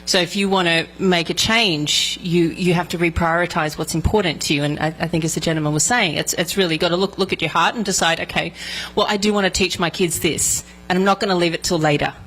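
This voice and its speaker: Earnest mother in her forties, low-ish voice, repeats herself, seminar panel. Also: fairly even intonation, fast, a bit bright, poor audio. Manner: earnest, repeats words as she goes. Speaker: parent speaking at a seminar. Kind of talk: seminar discussion.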